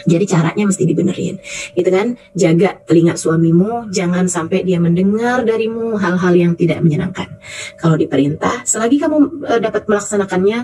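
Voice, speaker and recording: A woman giving a casual religious talk to women, chatty and lively, acting out the voices in her stories. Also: on the low side, fairly quick, breathy edge, soft background music, rough recording. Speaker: religious speaker addressing women.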